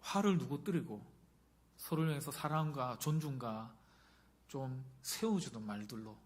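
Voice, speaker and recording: A man's voice: medium pitch, animated, unhurried. A middle-aged male pastor giving a conversational sermon and often putting questions to the congregation.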